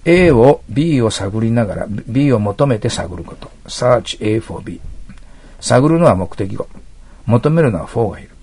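Gravelly male english teacher, dark husky voice, walks thru exam questions step by step. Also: mid-range voice, lively intonation, unhurried. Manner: explains step by step, asks listeners to mark text. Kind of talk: exam prep lecture.

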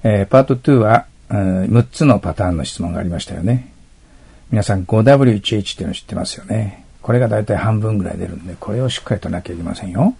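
Very husky, gravelly male teacher. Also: fairly low pitch, warm tone. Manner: reads English examples slowly and deliberately; chatty asides, frequent rhetorical checks. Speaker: English teacher. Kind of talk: explanatory test-prep lecture.

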